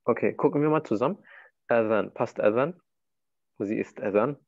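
A man's voice: medium pitch, normal speed, creaky, a little mellow, no echo, dull audio. A man teaching Arabic in a one-to-one online lesson, patiently walking his student through each answer.

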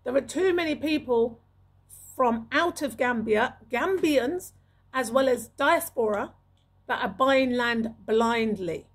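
Her voice is a little high, expressive, slow and slightly rough. A middle-aged woman acting as video host, she gives advice to camera with emphasis and repeated phrases, recorded up close on a large pop-filtered studio microphone in a small indoor room.

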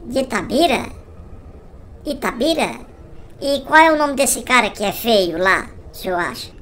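A man's voice: extremely high pitch, lively intonation, a little slow, sharp tone, pitched above the performer's own voice, full character voice. A man voicing a self-pitying ugly young man who whines tearfully. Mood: surprised. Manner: whiny, tearful pleading.

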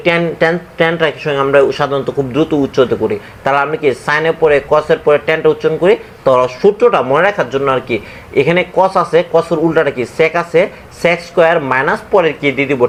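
Young male tutor, slightly high voice, casual and repetitive, answers his own questions, faint background hiss. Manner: repeats questions and answers them himself; slow and deliberate, drawn-out formulas. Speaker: math tutor. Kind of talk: casual classroom explanation.

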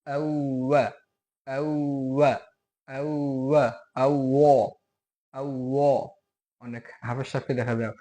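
A man with a Bangladeshi Bengali accent teaching Quran letter pronunciation, repeating sounds slowly and loudly as demonstrations and often asking "okay?". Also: medium pitch. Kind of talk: recitation lesson on letter pronunciation.

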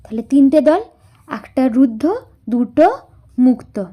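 A woman's voice: high-pitched, expressive, slow, warm tone. A woman teaching a class lesson, spelling words out syllable by syllable and answering her own questions.

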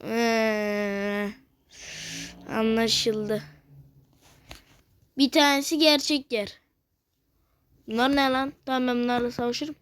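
Woman, let's-play commentator, high and unhurried, cursing and heckling the game. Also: steady tone, a little hiss or hum. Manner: cursing, teasing, reacting loudly to the game. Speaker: gamer playing a video game.

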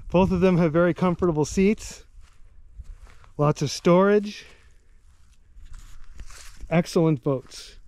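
A man acting as a kayak rental guide gives a plain, matter-of-fact walkaround of a rural property, talking into the camera he holds. His voice is fairly high and a little mellow, with no echo. It's a casual walkaround video shot outdoors.

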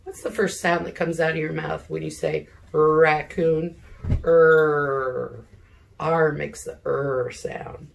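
A middle-aged woman who teaches elementary school sits in an armchair in her home's living room running a read-aloud session for young children. Her voice sits low, steady and gravelly, as she speaks with care, sounds out words and asks questions.

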